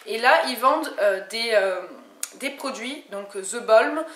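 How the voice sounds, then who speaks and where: This French beauty vlogger's voice is a little high and fairly bright, with lively intonation and a measured pace. She's chatting casually in a haul video from a room at home, hesitating often and restarting what she says, and the recording is echoey with faint noise.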